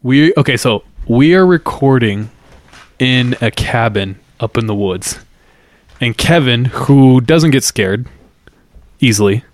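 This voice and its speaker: Male co-host, casual and slangy, a bit foul-mouthed, mid pitch, recording in a wooden cabin. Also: expressive, slow. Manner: profane, slangy. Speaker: podcast co-host. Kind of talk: casual chat, storytelling banter.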